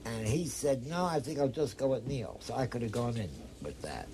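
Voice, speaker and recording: A man's voice: mid-range voice, lively intonation, moderate pace, noisy background. A man reminiscing plainly in a documentary interview.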